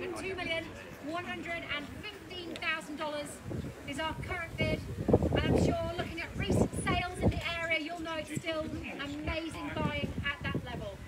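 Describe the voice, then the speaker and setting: A woman in her thirties calling a live house auction outdoors with upbeat, persuasive patter, often repeating the current bid. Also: very high voice. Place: outdoors on a suburban street in front of a house. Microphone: far camera. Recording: loud street noise, distant camera audio.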